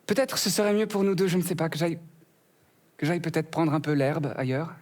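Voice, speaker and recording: A man voicing a prim, witty female rose who answers his flirting with sharp retorts. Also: fairly high pitch, steady tone, a little fast, close to an everyday voice.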